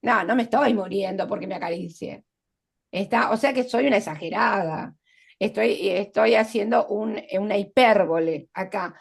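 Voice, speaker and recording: A woman's voice: medium pitch, normal speed, creaky, husky. A woman teaching literature in an online class, explaining literary devices step by step with examples and checking in with her students.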